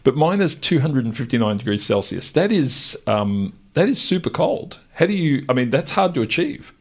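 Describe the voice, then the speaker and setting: A man's voice: medium pitch, big pitch swings, moderate pace. An Australian man hosting a radio interview, chatty and joking, asking loose rambling questions. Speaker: radio host.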